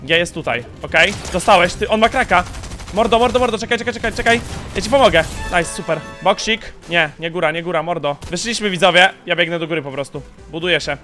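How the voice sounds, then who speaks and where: A young man commentating his own game in an excited, slangy way, breaking into sudden shouts between quick muttered asides. His voice sits a little high and sounds bright and forceful. Music plays faintly behind him. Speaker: gaming YouTuber.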